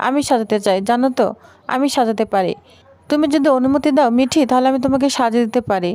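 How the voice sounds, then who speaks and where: A woman's voice: sits high, quick pace, darkish tone, no room sound, close to an everyday voice. A woman voicing an injured young woman new to the city, explaining and pleading, in a retold serial story.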